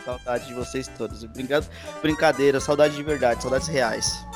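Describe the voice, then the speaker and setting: A man's voice: mid-range voice, normal speed, music in the background. A man with a Brazilian accent, a guest on a casual podcast, telling a story in a rambling way and tripping over his words. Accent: Brazilian Portuguese.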